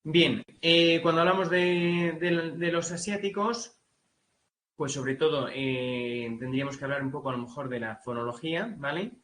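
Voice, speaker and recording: A man with a Spanish accent giving a relaxed exam-prep lecture in Spanish, full of fillers and checks like "right?", now and then imitating English accents. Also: a little high, moderate pace, low-quality recording. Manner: casual, many fillers, mimics English accents. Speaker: teacher.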